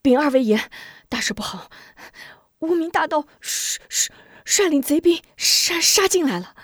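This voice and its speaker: A woman's voice: high-pitched, expressive, unhurried, no echo, clean studio sound, voice pushed up. Woman doing a stammering, frantic messenger. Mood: alarmed. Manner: stammering, breathless alarm. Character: frantic male army messenger.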